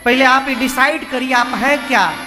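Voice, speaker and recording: A man telling a devotional story, switching between rapid speech and drawn-out sung verses. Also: very high voice. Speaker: religious storyteller. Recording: echoey hall with music.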